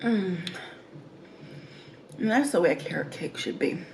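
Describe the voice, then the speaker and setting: Casting: unhurried woman, mukbang host who talks between bites with savoring mms. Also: on the low side, animated, gravelly, noisy background. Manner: eating while talking, with savoring mms between phrases. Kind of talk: casual eating-show chat.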